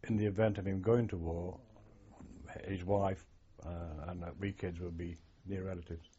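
An older English man, once a sailor, reflects on his childhood and navy years in an oral history interview, telling stories with a wry, thoughtful air. His voice sits low and dark, with fairly even intonation and a moderate pace. The dull lo-fi archive tape carries a little hiss or hum.

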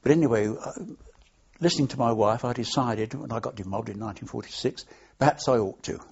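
An older London man tells rambling, unscripted stories from his past as an oral history interviewee, pausing and hesitating often. The lo-fi recording captures a medium-pitched, fairly quick voice that is a little mellow, slightly rough and touched with vocal fry.

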